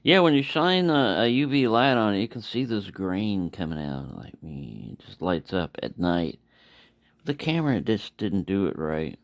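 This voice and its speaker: A man with a fairly low, very animated voice reviews a knife at a measured pace, with no room sound at all. It's casual and unscripted: he rambles, corrects himself and mumbles little asides along the way.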